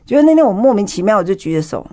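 A woman's voice: medium pitch, very animated, rapid-fire, dark tone. A woman with a Taiwanese Mandarin accent, giving an emotional personal testimony as an interview guest and acting out the people in her story. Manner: vivid storytelling, acts out dialogue.

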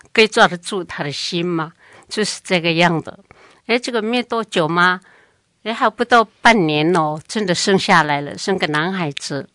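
A woman's voice: on the low side, no echo. An older woman recounting her family's past in a long oral history interview, acting out what others said. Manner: lively, acts out other people's speech.

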